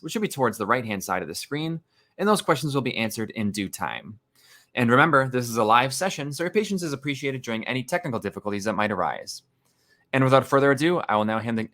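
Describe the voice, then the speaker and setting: A man's voice: mid-range voice, fairly bright tone. A man hosting a live webinar, reading an upbeat scripted introduction and sponsor announcements. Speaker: webinar host.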